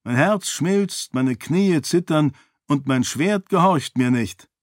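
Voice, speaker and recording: A man voicing a sly, charming nobleman who speaks in a theatrical, drawn-out courtly way. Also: a little high, lively intonation, no echo, studio quality. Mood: mock-romantic.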